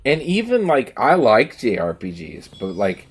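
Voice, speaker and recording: Playing a game on livestream, a male streamer talks casually but with emphasis, voicing opinions with some swearing. He has a mid-range, slightly rough voice with huge pitch swings and a measured pace.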